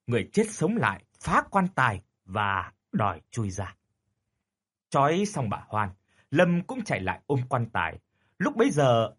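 A man's voice: medium pitch, a bit bright, husky. A man narrating a horror story dramatically.

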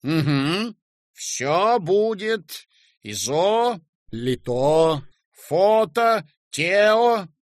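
A man voicing a curt, excitable male writer who brushes off every worry. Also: high voice, extremely slow, no room sound, studio quality, voice pushed up, exaggerated voice. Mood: brash. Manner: curt, dismissive, brash. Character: gruff excitable male writer, loud and boastful.

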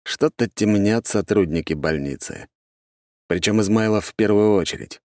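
A man reads a fantasy detective audiobook in a very low voice. His delivery is measured and even. The recording is dry and close. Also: no echo. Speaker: audiobook narrator. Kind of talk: first-person audiobook narration.

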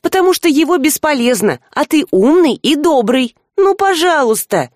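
A woman reading an audiobook voices a jumpy, easily flustered young woman in a shrill, indignant tone. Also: sing-song, normal speed, no room sound, studio quality. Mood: pleading.

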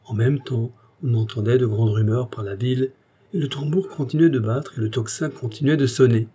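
Husky, mellow male audiobook narrator. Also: medium pitch. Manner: measured, expressive. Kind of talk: scripted literary narration.

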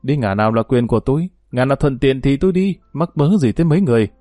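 A man voicing a sharp-tongued young widowed woman who speaks bluntly and indignantly. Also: mid-range voice, fast talker, no room sound, clean studio sound, faint music behind, close to an everyday voice. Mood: defiant.

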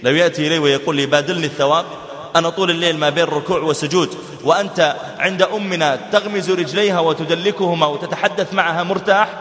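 A man's voice: a little high, fairly even intonation, quick pace, a bit bright. A man preaching a sermon, telling stories and acting out the dialogue dramatically with big swings in his voice. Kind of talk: sermon storytelling. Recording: echoey hall.

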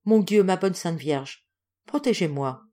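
A man's voice: sits high, animated, measured pace, dark tone. A woman reading aloud as a starving, exhausted man who pleads in a weak, faltering voice. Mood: despairing. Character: starving exhausted stranger, a lost prince.

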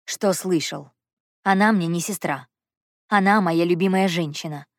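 A woman's voice: on the low side, measured pace, no room sound, clean studio sound. A woman reading an audiobook and voicing a stern, jealous young man who speaks in a clipped, commanding way. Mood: contemptuous.

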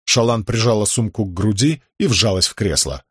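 A man reading fantasy fiction aloud in steady, measured audiobook narration. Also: on the low side, breathy edge, no room sound, clean studio sound. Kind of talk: scripted narration.

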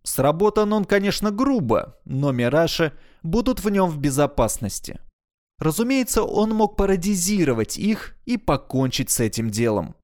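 A man narrating a science fiction audiobook in a measured, expressive reading voice. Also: a little high.

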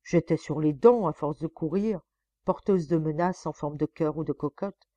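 Woman audiobook narrator, lowish voice, steady measured reading, dry close recording. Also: dry recording, muffled recording. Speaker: audiobook reader. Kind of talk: scripted novel narration.

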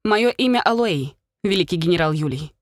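A woman's voice: on the low side, expressive, normal speed, no echo, studio quality, close to an everyday voice. A woman voicing a noble male phoenix general who speaks courteously. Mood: courtly.

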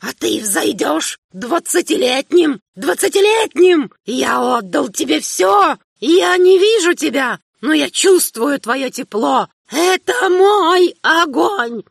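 A woman voicing an old, half-blind male emperor who rants and shouts in a quavering old man's voice, reading an audiobook. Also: high voice, expressive, gravelly, no echo, studio quality, pitched above the performer's own voice, exaggerated voice. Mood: ranting fury. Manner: ranting, shouting, drawn-out curses. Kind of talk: audiobook character voice.

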